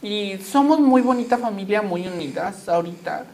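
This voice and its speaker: A young woman with a Mexican accent, a guest telling personal stories in an animated, chatty way with frequent fillers and laughs. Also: mid-range voice, moderate pace. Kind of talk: personal storytelling in conversation.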